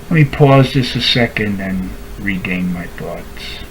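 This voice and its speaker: A man's voice: on the low side, animated, takes it slowly, slight background noise, poor audio. A man speaking straight to camera in a heartfelt, pleading monologue that keeps circling back on itself. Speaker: vlogger. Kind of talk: emotional direct-to-camera monologue.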